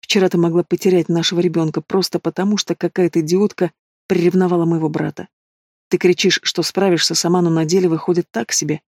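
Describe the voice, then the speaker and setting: A man voicing a domineering, possessive mobster in an audiobook, speaking low and mocking. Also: flat delivery, quick pace, a little mellow, no echo, clean studio sound. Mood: menacing.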